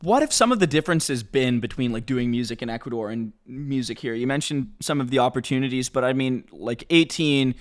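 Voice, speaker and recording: A man's voice: medium pitch, animated, fairly quick, hardly any pauses. Man hosting a podcast, filler-heavy. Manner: conversational, many "like" and "you know" fillers. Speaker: podcast host. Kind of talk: casual interview talk.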